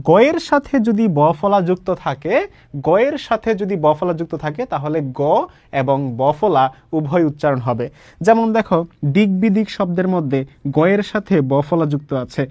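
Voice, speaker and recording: A man's voice: sits high, darkish tone, no echo. A young man from Bangladesh teaching an exam-prep grammar lesson, explaining step by step and asking and answering his own questions.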